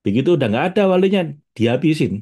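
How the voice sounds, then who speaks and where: A man's voice: mid-range voice, big pitch swings, very fast, mellow, breathy edge. A man, giving a casual spiritual talk as a religious teacher, chatty and addressing his audience directly with frequent laughs.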